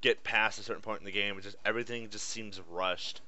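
A man's voice: on the low side, steady tone, fairly quick, sharp tone. A man giving casual playthrough commentary, sardonic, complaining and sweary. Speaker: gamer. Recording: slightly dull lo-fi mic.

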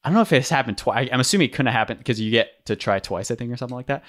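A man's voice: medium pitch, expressive, very fast, fairly bright tone. A young man telling a story in a casual podcast chat, rambling with lots of fillers and restarts. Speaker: podcast host.

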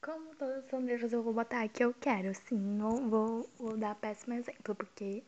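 Young woman, high voice, casual gaming chatter, jokey, swears. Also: normal speed, a little mellow, lo-fi sound. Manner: joking, swears casually, laughs often. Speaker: gamer. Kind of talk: casual let's play, reading game dialogue aloud.

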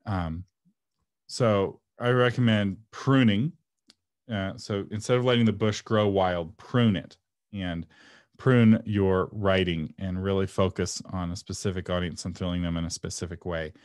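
Here a deep, darkish male voice speaks at a measured pace with fairly even intonation, recorded in a clean studio without echo. He's running a webinar and answering questions from the audience frankly and casually, laughing a lot and occasionally getting carried away in an impassioned rant during this informal Q&A teaching session.

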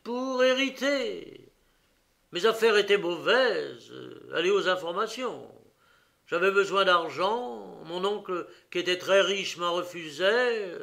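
A man voicing an enraged male prisoner in his thirties who shouts a defiant murder confession, in a storybook reading. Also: high-pitched, expressive, slow, vocal fry, voice pushed up, full character voice. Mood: bitter.

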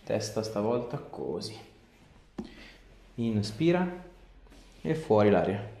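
A male chiropractor with a lowish, warm voice speaks slowly and with big pitch swings as he coaxes a patient through treatment. He gives short, repeated hands-on directions in a small indoor clinic treatment room, where the recording is echoey and has clear background noise.

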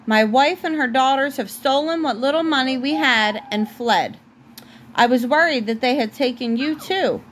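A sorrowful, worried father speaks in a bedtime story, as a woman reads his lines. The voice stays fairly high and close to the reader's own. A faint hiss is heard behind it. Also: moderate pace, lightly acted. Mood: sad. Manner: sorrowful, then relieved. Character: sad, worried old father.

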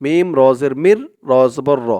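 Man teaching slow Quran recitation. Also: on the high side, dark tone, no room sound. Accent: Bangladeshi Bengali. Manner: slow drawn-out recitation alternating with quick explanations.

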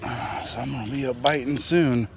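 A man's voice: medium pitch, steady tone, moderate pace, gravelly, very noisy. A man vlogging while night fishing outdoors, rambling casually about his gear and surroundings, sometimes talking to his dog. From Florida.

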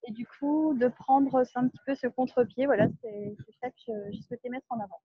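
A woman's voice: on the high side, a little fast, slightly rough, no echo. A woman giving spontaneous, hesitant commentary as she explains a contest choice. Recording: dull, dry lo-fi call audio.

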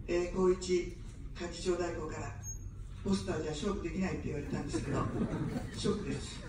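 This is an evening outdoor campaign speech by a woman running for office, her voice medium in pitch against a noisy background. She speaks standard Japanese with no accent, joking and then earnestly asking for votes, all through a very echoey, distant street PA.

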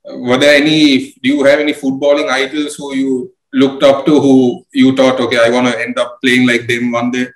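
A man's voice: medium pitch, flat delivery. Young male interviewer in a roomy room. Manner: measured, halting questions with many fillers. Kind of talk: interview questions. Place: room with bookshelves indoors. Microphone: video call webcam. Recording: roomy webcam audio.

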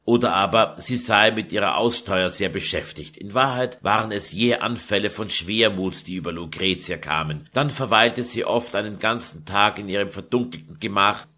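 A man reading a historical novel aloud in measured scripted narration. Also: lowish voice, sharp tone. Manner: measured storytelling. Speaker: audiobook narrator.

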